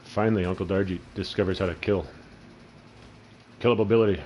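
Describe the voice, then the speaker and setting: A man's voice: deep voice, steady tone, fairly quick, vocal fry, a little mellow, slight background noise, low-quality recording. A man giving casual, profane gameplay commentary and rambling into crude stories. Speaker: gaming channel host.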